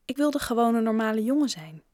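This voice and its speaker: A woman reads as a shy twelve-year-old boy, hesitant and quick to apologize. The voice is high and dry, close to the mic. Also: expressive, darkish tone, no room sound, close to an everyday voice. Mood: nervous boy.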